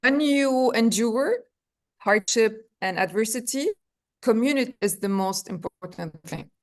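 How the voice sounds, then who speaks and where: A woman's voice: on the high side, unhurried. Woman searching for words. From Lebanon. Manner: searching for words, restarts, animated. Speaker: podcast guest, speaker association head. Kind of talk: conversational interview.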